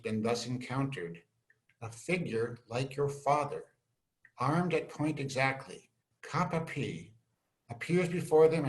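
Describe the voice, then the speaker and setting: An amateur male actor with a mid-range, natural voice reads the part of an earnest young scholar who is a loyal friend to a prince. He delivers Shakespearean verse in a measured, respectful way, like a staged reading, speaking indoors over a video call whose microphone gives poor audio.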